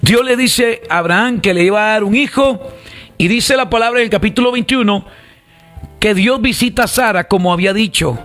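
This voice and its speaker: A man's voice: sits high, brisk, a bit bright, soft background music. A man with a Costa Rican accent preaching an online sermon, fervently repeating phrases and calling on listeners to respond. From Costa Rica. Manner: fervent, repetitive calls to the congregation.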